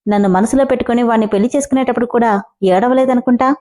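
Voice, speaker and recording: A woman's voice: on the high side, steady tone, rapid-fire, mellow, natural voice. A woman voicing a young man who is curt, irritable and scornful, snapping his replies dismissively. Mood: mocking.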